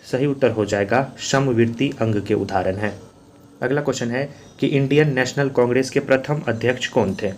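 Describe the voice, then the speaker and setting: A man working as an exam coach walks through quiz questions and answers in a repetitive, drilling style. His voice is mid-range at a moderate pace, with a little hiss or hum in the recording.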